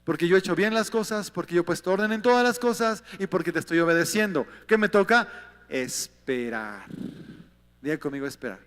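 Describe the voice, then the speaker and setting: A man's voice: sits high, fast talker, hardly any pauses, fairly bright tone, smooth, big-room sound. A man with a Mexican accent preaching a sermon as a pastor, talking conversationally and often asking his listeners rhetorical questions.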